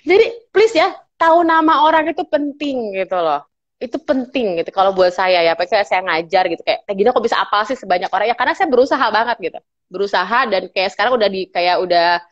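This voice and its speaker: A woman gives an animated motivational talk and slips into playful voices for little scenes. Her pitch sits in the middle of the usual range. The recording sounds dull and lo-fi. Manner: animated, acts out little dialogues in varied voices. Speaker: speaker and trainer.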